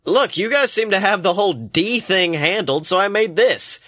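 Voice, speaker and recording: A man's voice: high-pitched, expressive, moderate pace, pushed and bright, dry recording, clean studio sound, pitched above the performer's own voice, heavily acted. A man voicing a cheerful young male friend who mixes cocktails, upbeat and chummy.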